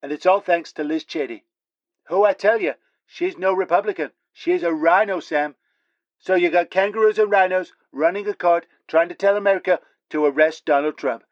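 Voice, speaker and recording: A man's voice: high-pitched, normal speed, no echo, dull audio, close to an everyday voice. An actor playing a ranting, conspiratorial male political pundit who blusters and heckles the anchor over a remote link. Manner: blustering, heckling, repeats the host's name.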